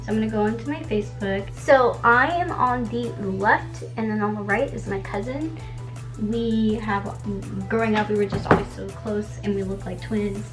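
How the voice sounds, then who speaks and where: Music plays behind a young woman in her twenties, a native Spanish-speaking beauty vlogger, as she chats at home while doing her makeup. She rambles casually with lots of "like" and the odd swear word, speaking at a medium pitch and moderate pace.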